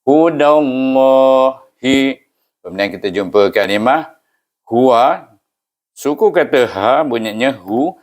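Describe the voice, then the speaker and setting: A man with a Malaysian Malay accent, teaching Quran reading patiently, syllable by syllable, with slow chanted recitations. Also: lowish voice. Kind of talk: step-by-step recitation lesson.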